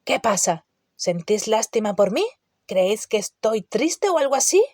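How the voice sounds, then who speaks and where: A woman voicing a huge, gruff gamekeeper who growls, roars and grumbles in a storybook reading. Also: mid-range voice, big pitch swings, measured pace, darkish tone, no room sound, studio quality. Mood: sulky. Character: huge gruff half-giant gamekeeper man. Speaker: audiobook character.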